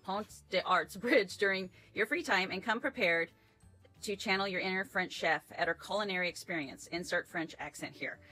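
A woman's voice: lowish voice, pushed and bright, rough recording. A woman narrating a casual travel vlog in a chatty, upbeat way, with fillers. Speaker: travel vlogger.

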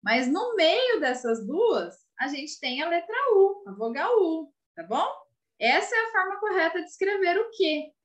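Slow, lively high-voiced woman teacher. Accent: Brazilian Portuguese. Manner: patient, spells out and repeats words slowly, asks checking questions. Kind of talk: recorded video lesson for children. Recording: roomy echo.

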